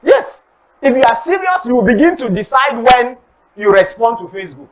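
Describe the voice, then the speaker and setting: A Nigerian preacher gives a motivational sermon at a moderate pace, mixing English with asides in Pidgin. His voice swoops across a wide, lively pitch range as he animatedly acts out comic street scenes, repeatedly asking the congregation to echo lines back. The audio quality is poor.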